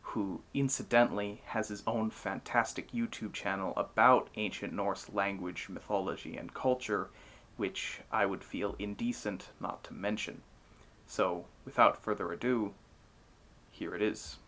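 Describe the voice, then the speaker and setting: A man's voice: on the low side, steady tone, measured pace, fairly bright tone. A man giving scripted, explanatory narration in the manner of a storyteller. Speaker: narrator, mythology channel host.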